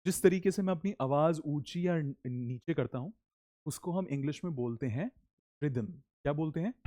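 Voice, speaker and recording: A man teaching English in Hindi, leading slow, animated repeat-after-me drills. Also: fairly high pitch, dry recording, studio quality. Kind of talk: spoken English lesson in Hindi.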